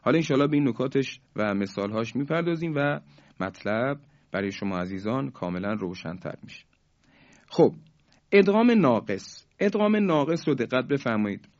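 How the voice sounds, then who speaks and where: Male teacher, explanatory lesson, middle-pitched voice, dull lo-fi sound, example words drawn out. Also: lively intonation. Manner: explanatory, repeats example words slowly and emphatically. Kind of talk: spoken lesson.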